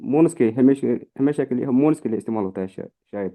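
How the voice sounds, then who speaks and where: A man's voice: mid-range voice, animated, dark tone. A male student asking a hesitant question in an online class, with many fillers. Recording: tinny phone-like call audio.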